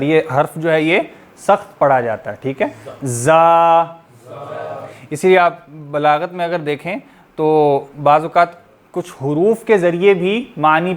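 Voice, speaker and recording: A man teaching tajweed to a class, patiently explaining and demonstrating each letter sound. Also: fairly high pitch. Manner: patient, explanatory, often checking in with "theek hai".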